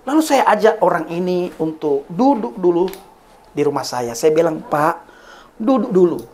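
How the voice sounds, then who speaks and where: A man's voice: high voice, big pitch swings, normal speed, a little mellow, slight background noise. A man preaching to his online viewers in an earnest, repetitive, list-like cadence, often calling them Bapak Ibu. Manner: addresses listeners as Bapak Ibu. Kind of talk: sermon.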